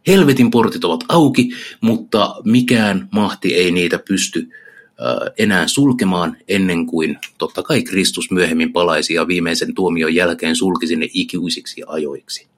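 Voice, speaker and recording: Brief: low-pitched man, casual slangy explainer of old poetry, lots of ums. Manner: enthusiastic, slangy, frequent filler sounds. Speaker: literature explainer. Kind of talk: casual retelling of an epic poem.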